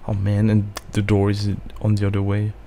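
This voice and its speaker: A man's voice: lowish voice, completely flat delivery, normal speed, gravelly, dark tone, slight background noise. A man giving casual, anxious gameplay commentary while he plays, muttering to himself. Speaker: gaming video host.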